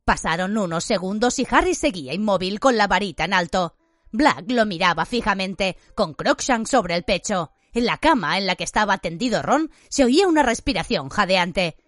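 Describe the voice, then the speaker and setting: A woman narrating an audiobook in an expressive, vivid reading style. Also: medium pitch, normal speed, no echo, clean studio sound.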